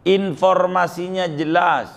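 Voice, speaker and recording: A man's voice: high-pitched, fairly even intonation, slow, vocal fry. A male Islamic preacher from Banten, giving a humorous sermon, chatty and joking, acting out little scenes and repeating words for effect. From Banten, Indonesia.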